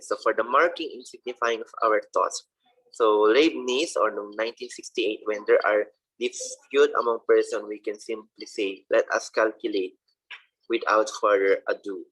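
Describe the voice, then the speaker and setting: A man's voice: on the low side, steady tone, moderate pace, fairly bright tone, rough recording. A man with a Filipino accent giving a recorded college lecture, reading slides and then explaining them with many fillers.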